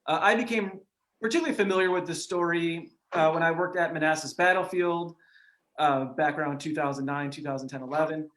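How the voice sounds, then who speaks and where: A man's voice: fairly high pitch, fairly bright tone. Easygoing man reading an old letter. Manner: easygoing, with filler "uh"s and laughs, reads slowly and earnestly. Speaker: historian podcast host. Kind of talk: casual chat and reading a historic letter aloud.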